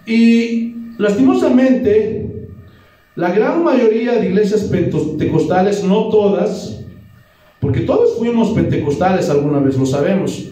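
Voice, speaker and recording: High-voiced Bolivian pastor preaching in an echoey hall. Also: male voice. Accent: Bolivian Spanish. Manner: animated preaching, frequent "Gloria a Dios". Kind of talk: sermon. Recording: echoey room, voice from far off.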